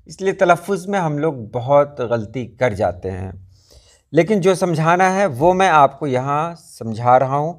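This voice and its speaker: A man teaching pronunciation in a video lesson, repeating example sounds and words slowly for practice. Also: a little high, animated. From Muzaffarpur, India.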